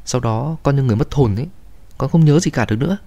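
A man's voice: medium pitch, quick pace, mellow, voice pushed up, natural voice. A man voicing a frightened young woman who pleads tearfully.

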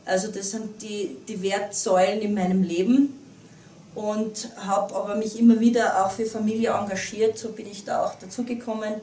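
A woman's voice: medium pitch, little pitch movement, moderate pace, warm tone, slight background noise. A woman in her thirties with an Upper Austrian accent gives an earnest talk to a small group, often restarting her sentences. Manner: earnest, with many restarts and fillers. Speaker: guest speaker. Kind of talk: public talk. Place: small meeting room. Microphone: far camera. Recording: roomy, distant camera audio.

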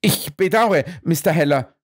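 A man reading an audiobook, voicing a police constable who speaks calmly, firmly and courteously. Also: fairly high pitch, moderate pace, voice pushed up. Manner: calm, firm, courteous. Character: calm male police constable, firm.

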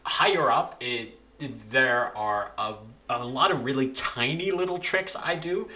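A young man casually talking through how he edits recordings of his own singing, relaxed and with frequent restarts. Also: medium pitch, unhurried. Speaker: video creator explaining vocal editing. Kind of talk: casual voice-over tutorial.

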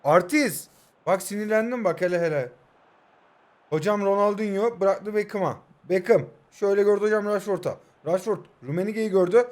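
A man's voice: high voice, normal speed. A man in his twenties chatting casually as he plays a mobile football game and reacts to each move. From Turkey. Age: 20s. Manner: chatty, keeps saying hocam, flares up at the referee. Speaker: mobile football gamer and streamer. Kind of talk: casual gameplay commentary.

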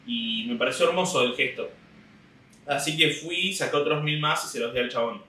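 A young adult man with an Argentine Spanish accent, a comedian and podcast host, rambles through a comic story in a casual monologue. His voice is on the high side and sharp at a moderate pace. The small indoor home room sounds roomy, with a desk mic on a stand, a distant camera, and a little hiss or hum.

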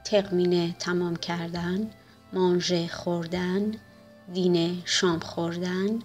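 A woman teaching a French lesson, reading French words slowly and then translating each one. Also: fairly low pitch, flat delivery, a little mellow, highs cut off, soft background music. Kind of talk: recorded language lesson.

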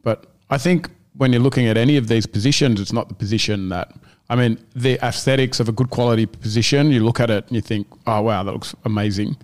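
A gym owner co-hosting a casual gym podcast talks fast in a medium-pitched voice. He rambles and keeps restarting as he hunts for the right words.

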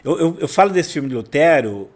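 Man, Brazilian Portuguese accent, casual history teacher, animated, slightly high voice. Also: a little fast. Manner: animated, acts out quotes with many restarts. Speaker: guest teacher of church history.

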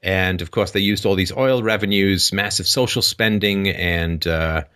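Male call-in host, low but forceful and sharp, lecturing with sarcastic asides. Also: measured pace, clear, resonant tone. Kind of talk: explanatory monologue to a caller.

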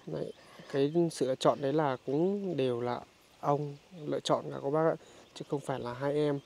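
A man doing a casual on-location interview in a rural village, speaking haltingly with many filler sounds. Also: fairly high pitch, gravelly, darkish tone. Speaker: vlogger visiting a poor family.

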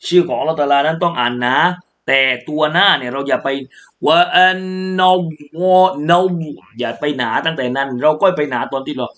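A man's voice: mid-range voice, fast, bright, forceful tone. A man from Thailand teaching Quran recitation, chanting verses and then patiently explaining pronunciation, repeating syllables for students. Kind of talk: tajweed recitation lesson.

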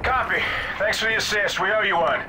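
High, strained assault team soldier played by a man. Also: a little fast, close to an everyday voice. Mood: brisk. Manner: urgent, terse, strained. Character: embattled assault team leader soldier under fire. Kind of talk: military shooter game radio acting. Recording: heavy battle noise over radio calls.

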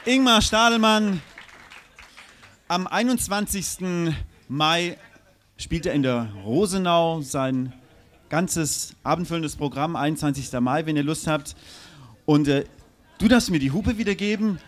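A man hosting a comedy show, announcing acts on stage in an upbeat, hurried way. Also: fairly high pitch, a bit bright. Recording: live stage with faint crowd and noise.

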